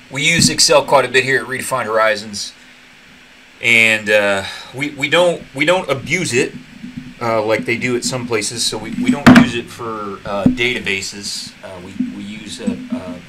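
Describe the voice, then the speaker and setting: Tutorial host, male, low-pitched, relaxed and halting, recorded with a noticeable noise bed. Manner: halting, many fillers and restarts, relaxed. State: burping from tea. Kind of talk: casual screen-share tutorial.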